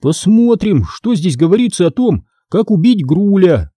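A man reading an audiobook voices an earnest, curious young boy. He sounds eager and lifted, pitched well above a grown man. A dark, husky grain stays in the voice. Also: big pitch swings, unhurried, no room sound, clean studio sound, heavily acted. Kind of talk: audiobook character voice.

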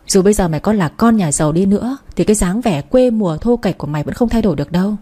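A woman's voice: mid-range voice, lively intonation, rapid-fire, warm tone, natural voice. A woman voicing a spiteful, envious young woman who sneers at her rivals. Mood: sneering.

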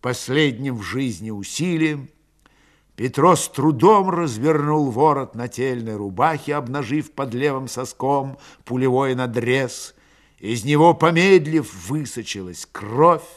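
Man, audiobook narrator, literary reading, mid pitch, dramatic, hushed then intense. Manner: dramatic, swings between slow hush and rising intensity.

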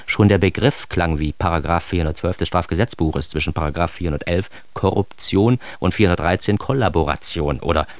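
Brisk and barely pausing, this low male voice comes through with no echo. The actor voices a grown son in a radio drama recounting his mortifying youth, his tone mock-formal, ironic, and indignant for effect, and the overall feeling is wry and confessional.

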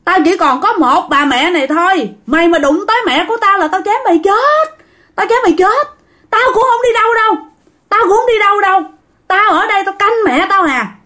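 A woman voicing a frantic middle-aged man who holds a knife and shouts threats at an unseen spirit. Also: lively intonation, brisk, full character voice. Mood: frantic shouting. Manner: shrill, shouting, repetitive threats.

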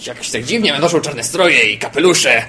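A man improvising a comic role-play character, his slightly high voice rising and falling in animated swings. He talks in a chatty, musing way full of drawn-out asides. Steady hiss and noise sit under the recording. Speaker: podcast co-host playing a character.

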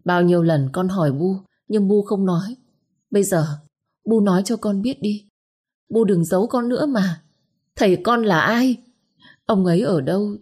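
A woman's voice: medium pitch, moderate pace, darkish tone, breathy edge, pitched above the performer's own voice, close to an everyday voice. A woman voicing a heartbroken young woman pleading with her mother, in a storybook reading. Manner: pleading, insistent questions.

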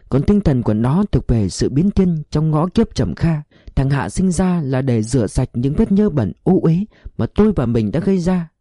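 Brief: male narrator playing a gentle ghost of a wife, solemn and soothing, lifted pitch, very mellow, lively intonation. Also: no echo. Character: gentle dead wife, woman, calm, fatalistic.

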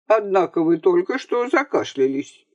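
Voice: medium pitch, very animated, moderate pace, lo-fi sound. A story reader voicing a blustering, swindling male army captain who bellows and takes offense. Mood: insistent. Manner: bellowing and indignant. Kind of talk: dramatized story reading.

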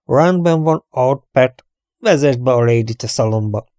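A man's voice: mid-range voice, darkish tone, dry recording, clean studio sound, lightly acted. A man voicing a cheerful, dignified prince who turns mock-stern. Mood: jovial. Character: jovial, dignified, scheming male prince.

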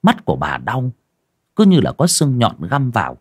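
A man narrating a horror audiobook in a dramatic, expressive reading. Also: medium pitch, normal speed, husky, no echo, studio quality. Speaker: storyteller.

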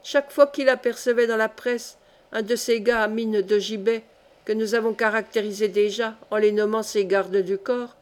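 Woman reading a historical novel. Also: fairly high pitch. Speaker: audiobook reader. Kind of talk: audiobook narration of a historical novel.

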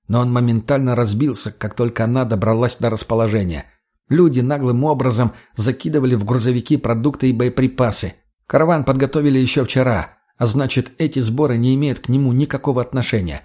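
A man reading an audiobook as narrator, in a steady, measured way. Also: medium pitch. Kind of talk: scripted narration.

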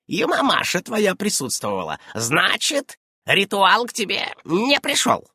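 A high, shrill old witch, as a man puts her on for an audiobook. She is fussy and brisk, firing questions and cutting in, her voice swooping up and down. A husky, dry sound runs under it. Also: wildly swooping pitch, pushed and bright, no echo, full character voice. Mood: brisk, prying. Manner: shrill, darting, interrupting. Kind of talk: audiobook character voice.

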